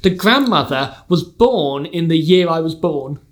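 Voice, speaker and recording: A man chatting casually and telling playful stories with plenty of energy. His voice sits notably high for a man. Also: measured pace. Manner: animated, playful storytelling. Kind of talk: casual chat.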